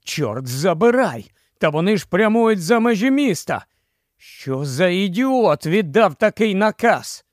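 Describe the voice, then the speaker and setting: A man's voice: high-pitched, big pitch swings, measured pace, no room sound, studio quality. A man voicing an irate, blunt scientist who scolds the council. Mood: furious. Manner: angry, blunt.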